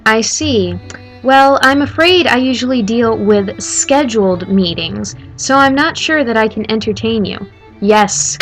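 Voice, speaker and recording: A woman streamer reading a story game aloud as the heroine, breaking off for animated, sarcastic commentary. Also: on the high side, measured pace, faint music behind.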